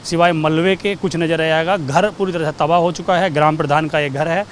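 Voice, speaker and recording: A man's voice: a little high, steady tone, fairly quick, slight background noise. A man reporting from an outdoor disaster site for the news, walking viewers through the damage and pointing things out.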